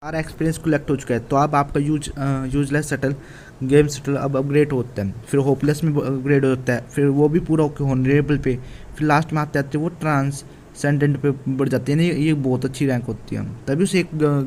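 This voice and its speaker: A man's voice: fairly high pitch, fairly even intonation, moderate pace, a little mellow, a little hiss or hum. A man casually retelling a manhwa chapter, with frequent restarts and fillers. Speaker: manhwa recap narrator. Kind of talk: casual story recap.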